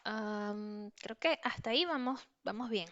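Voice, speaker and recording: A woman's voice: medium pitch, measured pace, a bit bright, dull audio. A woman giving an online lecture, explaining ideas step by step with frequent fillers and checking in with her listeners. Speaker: teacher.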